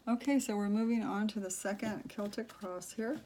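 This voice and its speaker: A soft-spoken woman giving a tarot reading, talking low and halting with many fillers. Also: a little hiss or hum. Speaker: tarot reader.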